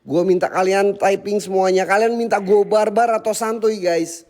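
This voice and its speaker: Man, ghost-hunt stream host, high voice, loud challenges to spirits and hushed muttered prayers, long echoing reverb. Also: steady tone, moderate pace. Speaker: paranormal livestream host. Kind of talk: live ghost-hunting stream. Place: hotel, indoors and out by a pool.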